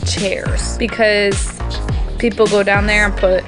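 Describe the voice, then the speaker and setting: A woman's voice: mid-range voice, little pitch movement, slow. A woman in her thirties vlogging outdoors by a resort pool, frank and mildly complaining, filmed on a camera at arm's length. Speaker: travel vlogger. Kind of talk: casual vlog chat. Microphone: handheld camera at arm's length. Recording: music bed underneath.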